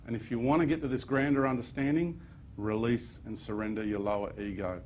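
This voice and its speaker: A man's voice: medium pitch, steady tone, fairly quick, darkish tone, a little hiss or hum. A man giving an earnest spiritual talk to an audience, with sudden emphatic bursts. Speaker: speaker.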